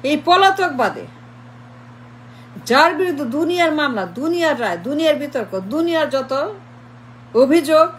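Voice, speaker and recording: A woman's voice: high-pitched, lively intonation, normal speed, pauses often, a little hiss or hum. A woman delivering a mocking political monologue, piling up repeated insults and dropping into English phrases. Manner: repetitive, mocking lists of insults, switches into English. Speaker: political commentator.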